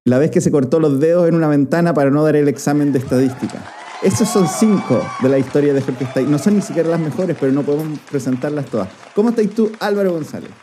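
A man's voice: on the high side, fast talker, slight background noise. A man co-hosting a casual chat, telling stories playfully with many fillers. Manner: playful, animated storytelling with fillers. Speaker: podcast co-host.

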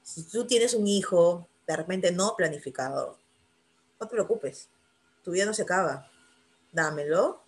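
A woman's voice: lowish voice, unhurried, pauses often. A middle-aged woman in a casual panel chat, speaking openly and emotionally about raising her children. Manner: emotional, talks of near tears. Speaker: mother of grown children.

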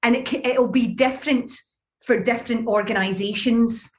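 A woman from Scotland with a Glaswegian accent answers interview questions in a conversational way, using examples to explain her points. She's a business founder appearing as a guest, her voice on the high side at normal speed.

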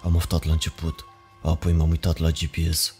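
A man with a deep, low voice reads a horror story in the first person. His delivery is measured and ominous. Music plays clearly underneath. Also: monotone, a little mellow. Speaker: narrator.

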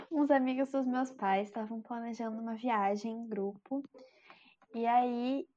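A woman's voice: on the high side, measured pace, dark tone. A woman with a Brazilian Portuguese accent, telling a story in casual chat and talking straight to her listeners. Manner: chatty, addresses listeners directly. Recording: slightly dull lo-fi sound.

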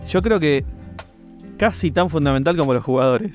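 A man's voice: a little high, lively intonation, normal speed, soft background music. Dry-witted man co-host. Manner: dry, joking asides. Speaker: podcast co-host. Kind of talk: casual chat.

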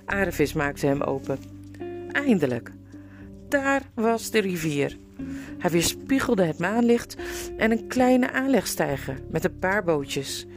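Woman reading a storybook, mid-pitched, very lively intonation, faint music behind. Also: takes it slowly. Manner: expressive storytelling. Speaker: reader. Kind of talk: reading a children's book aloud.

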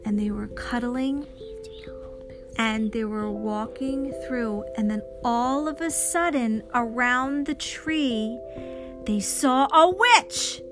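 A woman babysitter spins a bedtime story at a slow, unhurried pace, her voice on the higher side. She softens it to near whispers as the tale grows sad, while music plays behind her. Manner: slow, gentle, dropping to a whisper. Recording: storytelling over clear background music.

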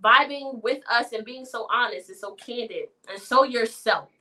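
A woman's voice: fairly high pitch, moderate pace, over a noisy crowd, rough recording. A woman hosting a podcast in casual conversation, who talks emphatically and repeats words for effect. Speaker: podcast host.

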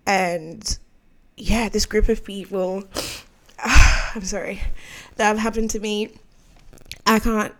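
A woman's voice: medium pitch, fairly even intonation, slow pace, long pauses, fairly bright tone, a little hiss or hum. A young adult woman hosting her own podcast, talking candidly and rambling off on tangents, with frequent laughs. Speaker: podcast host. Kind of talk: solo podcast monologue.

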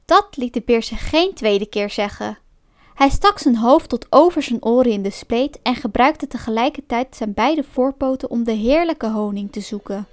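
A woman narrating a storybook in a calm, even reading voice. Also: fairly high pitch.

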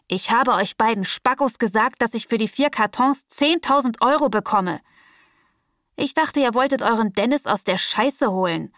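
A woman voicing a suspicious, hot-tempered young male dealer who talks in crude street slang and snaps loudly. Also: fairly high pitch, no echo, clean studio sound.

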